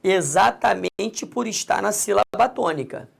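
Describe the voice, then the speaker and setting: Very gravelly, husky male teacher. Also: high-pitched, unhurried. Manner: lively, addresses the student directly and coaxes them along. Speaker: grammar teacher. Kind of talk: recorded video lesson.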